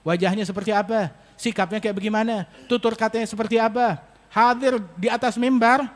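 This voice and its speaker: A male preacher, giving a sermon and telling stories with lively acted-out dialogue. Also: high-pitched, a little fast. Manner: storytelling, acts out dialogue with rising emphasis. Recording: long hall reverb.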